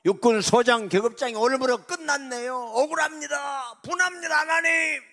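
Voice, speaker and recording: A pastor doing a sobbing general wailing to God. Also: male voice, very high-pitched, moderate pace, big-room sound, pitched above the performer's own voice, heavily acted. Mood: anguished. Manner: wailing, crying, shouting upward in desperate pleading. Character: wronged male army general crying out to God in prayer.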